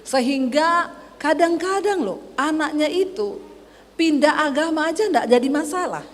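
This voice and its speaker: A woman from Sulawesi preaching a sermon as pastor, telling animated stories from her own marriage. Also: high voice, unhurried. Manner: animated storytelling, acts out quarrels with her husband. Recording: long hall reverb.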